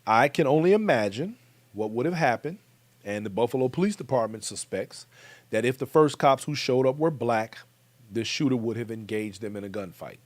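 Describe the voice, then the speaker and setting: A man's voice: medium pitch, normal speed, no room sound. A man with an American accent hosting a commentary show, talking emphatically and speaking straight to his viewers. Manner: emphatic, direct address to viewers.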